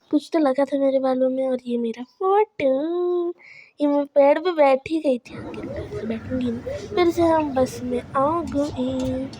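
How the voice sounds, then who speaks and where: A woman's voice: sits high, warm tone, a little hiss or hum. A woman narrating her own vlog in a chatty, self-mocking way. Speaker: vlogger. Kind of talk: casual vlog voice-over.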